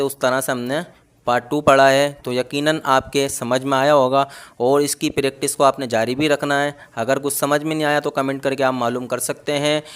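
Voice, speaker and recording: A man teaching a reading lesson, patiently spelling out each sound and then blending them slowly. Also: mid-range voice, fairly bright tone, smooth. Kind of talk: slow letter-by-letter reading lesson.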